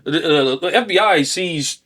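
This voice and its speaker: A man co-hosting a podcast, talking in a relaxed, explanatory way. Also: a little high, takes it slowly. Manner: relaxed, explanatory, builds points step by step. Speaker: podcast co-host. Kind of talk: casual conversation.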